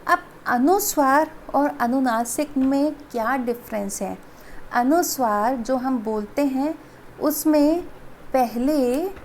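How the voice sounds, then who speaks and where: Female teacher, high voice, slow unhurried delivery, faint background hiss, patient classroom explaining. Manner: patient, repeats and asks children if they understood. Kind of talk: classroom Hindi lesson.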